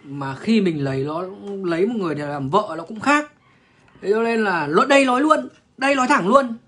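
A man's voice: high-pitched, lively intonation, brisk, pushed and bright. A man, ranting bluntly and crudely to viewers on a livestream. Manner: crude, profane, blunt, lecturing.

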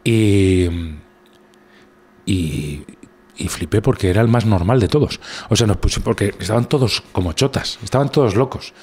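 Spanish male guest, husky and low, rambling storyteller in casual chat. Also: normal speed, darkish tone. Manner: rambling anecdotes with many restarts. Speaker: guest comedian. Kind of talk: casual conversation.

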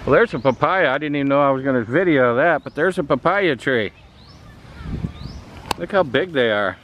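A man's voice: medium pitch, expressive, normal speed, a bit bright, lo-fi sound. Older man chatting while filming outdoors. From United States. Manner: chatty, pointing things out while walking. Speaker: travel vlogger. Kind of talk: casual travel commentary. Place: outdoors in a tropical garden. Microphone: camera mic, handheld. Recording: outdoor noise on camera mic.

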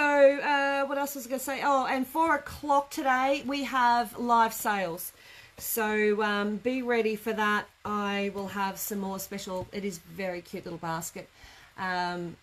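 A woman's voice: medium pitch, fairly even intonation, measured pace. A middle-aged woman chats informally and a bit ramblingly as she teaches a live craft class. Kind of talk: casual live tutorial chat. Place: indoor craft studio workroom. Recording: noticeable room background noise.

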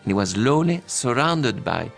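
A man interviewed for a documentary, recalling family history slowly and deliberately. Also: mid-range voice, sing-song, vocal fry. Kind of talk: interview recollection. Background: music.

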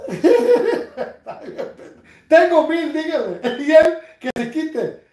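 A man, hosting a casual livestream from his couch, reading comments with crude, mocking humor and bursts of loud laughter. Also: very high voice, sing-song, slow, roomy sound, slight background noise. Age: 60s. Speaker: livestream host. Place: living room, seated on a couch at home.

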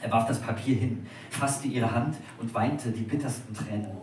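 A man giving a measured, expressive dramatic literary reading aloud at a live dinner event in a restaurant. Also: mid-range voice. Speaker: reader. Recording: echoey room from a distance, faint noise.

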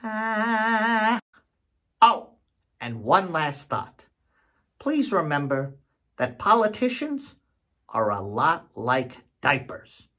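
A middle-aged man, an actor, telling a joke to camera from his home studio in an animated, theatrical way. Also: mid-range voice, slow pace, slightly rough.

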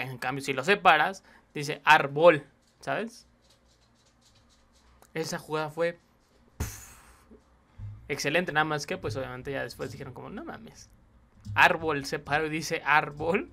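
A young man hosting a reaction video, chatting casually and excitedly, slipping English slang into his commentary. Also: on the high side.

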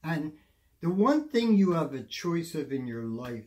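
Older man with a lively, swooping voice. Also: on the high side, a little slow. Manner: animated, folksy advice-giving with many "you know"s. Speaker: guest, music industry veteran. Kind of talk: motivational interview talk.

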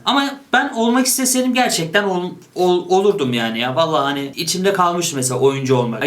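Casting: playful young man, voice a bit high, casual quiz-video chat, quick to joke. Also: fairly bright tone. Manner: reads options aloud and jokes about each. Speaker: YouTuber. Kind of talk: casual chat while taking an online quiz.

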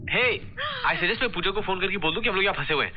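A man's voice: high voice, expressive, fast talker. An actor playing an easygoing, chatty young married man stranded on a trip, in film dialogue with a dull lo-fi soundtrack and music. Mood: uneasy. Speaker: film lead.

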